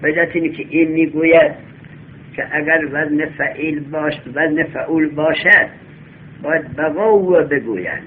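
A male teacher giving a classroom lesson, reading a text slowly aloud, then explaining it and quizzing his students. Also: fairly high pitch. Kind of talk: classroom lesson on Arabic grammar. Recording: tinny lo-fi recording with faint hum.

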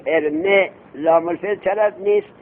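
A man teaching a classroom lecture on Arabic grammar, telling an anecdote, quizzing his students and chanting the text slowly. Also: high-pitched. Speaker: religious seminary teacher. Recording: tinny lo-fi lecture recording with hum.

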